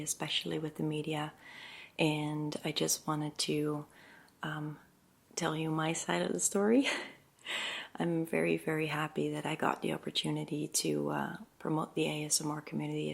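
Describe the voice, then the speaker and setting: Low, gravelly-voiced soft-spoken woman. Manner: soft, hesitant, many ums, light laughs. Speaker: ASMR creator. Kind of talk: soft-spoken casual chat to viewers.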